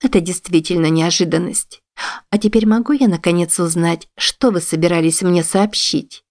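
A woman reading an audiobook, voicing a haughty, hot-tempered young lady who shouts in indignation. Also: lowish voice, moderate pace, natural voice. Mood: indignant.

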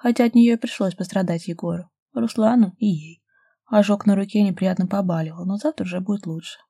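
A woman reading an audiobook in even, steady storytelling narration. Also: medium pitch, a little fast, creaky, husky, dry recording. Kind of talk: scripted narration.

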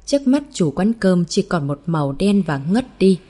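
Low, mellow-voiced woman narrator. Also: very animated, normal speed. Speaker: audiobook narrator. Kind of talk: scripted novel narration.

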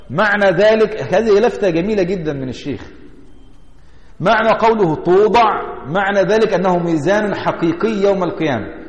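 A man with an Egyptian Arabic accent teaching a religious lesson as a sheikh, often asking his listeners rhetorical questions to check they follow. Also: sits high. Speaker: sheikh teaching a creed text. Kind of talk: religious lesson explaining a text. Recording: echoey hall with long reverb.

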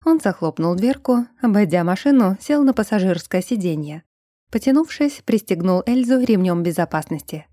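Audiobook narrator, female, mellow and measured, dry close sound. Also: mid-range voice, expressive, no echo. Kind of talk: scripted narration.

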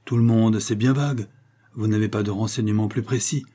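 A man voicing a jovial, sturdy middle-aged village mayor who questions people briskly. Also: on the low side, steady tone, dark tone, slightly rough.

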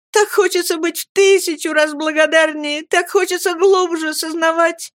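A woman's voice: no echo, clean studio sound, natural voice. A woman reading an audiobook, voicing a tearful, fragile young woman who pleads through her sobs. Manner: sobbing, high and pleading.

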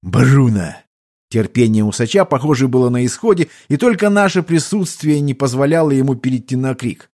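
A man narrating an audiobook in an even, measured way. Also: medium pitch. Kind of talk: scripted narration.

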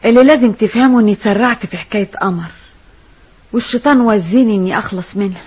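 An actress playing a scheming wife who speaks in a measured, confiding way with an Egyptian accent. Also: female voice, medium pitch, breathy edge, highs cut off, close to an everyday voice.

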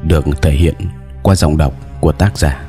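A man reading aloud his own story as a measured, deliberate storyteller. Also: a bass voice, warm tone, faint music behind. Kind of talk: storytelling narration.

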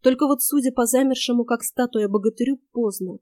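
A young woman narrating a first-person audiobook in a wry, sharp-tongued way. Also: fairly high pitch, fairly quick, no echo. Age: young adult.

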